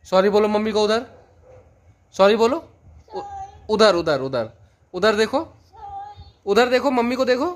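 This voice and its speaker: A man's voice: fairly high pitch, a bit bright. A man chatting on a family vlog, playfully coaxing his little daughter. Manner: playful, coaxing a small child. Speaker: vlogger, father. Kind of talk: casual family vlog chat.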